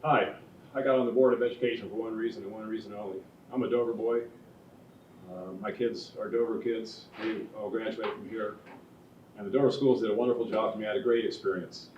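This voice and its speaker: A man's voice: fairly low pitch, fairly even intonation, a little fast, a little mellow, slight background noise. A man in his sixties, a school board member, speaking at a candidate forum in a chatty, homespun way. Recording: echoey room from far off, dull sound.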